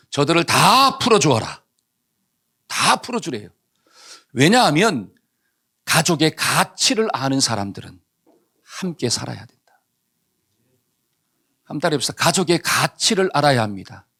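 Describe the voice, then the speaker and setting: A man's voice: a little high, vocal fry, fairly bright tone. A male pastor preaching a sermon, telling a story and asking the congregation questions that he answers himself.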